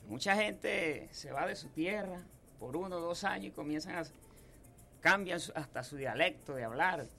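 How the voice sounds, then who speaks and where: A singer-songwriter in his thirties from Apure, Venezuela, with a llanero accent, spins folksy, homespun stories as a guest in a radio studio booth during a relaxed interview. His slightly high voice is expressive, gravelly, pushed, and bright at normal speed, with faint music in the background.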